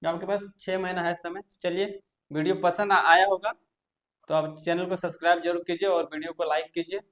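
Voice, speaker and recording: A man's voice: high voice, level tone, a little fast, fairly bright tone. A man, a tech YouTuber, explaining things to viewers in a chatty, reassuring way, often repeating points and restarting sentences.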